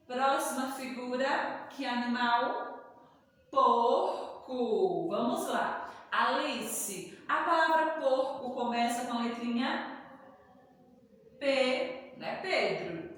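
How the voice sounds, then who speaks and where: A woman's voice: high voice, a bit bright, a little hiss or hum. A woman teacher, patiently spelling out syllables letter by letter and praising young children in a recorded reading lesson. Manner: calls herself "tia", coaxing and praising. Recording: echoey room, distant from the mic, long reverb.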